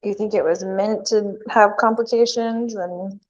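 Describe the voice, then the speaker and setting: A woman's voice: mid-range voice, steady tone, unhurried. A woman speaking from jail on a recorded prison phone call, with a wry, knowing manner and frequent small laughs.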